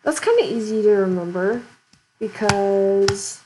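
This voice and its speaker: A woman's voice: mid-range voice, expressive, measured pace, music in the background, rough recording. A woman streamer giving casual let's-play commentary, chatty and giggly, thinking aloud with the hiccups.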